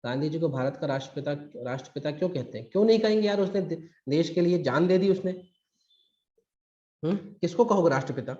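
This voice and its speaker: This is a man teaching history online to students preparing for exams, his voice on the high side, warm, animated, and fast. He speaks conversationally and emphatically and acts out quotations. The video-call recording is lo-fi with a roomy sound.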